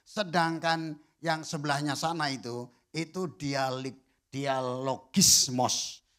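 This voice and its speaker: A middle-aged man preaching a church sermon, chatting with the congregation through teasing questions and swinging from soft asides to loud emphatic bursts. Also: mid-range voice. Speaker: pastor. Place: church service.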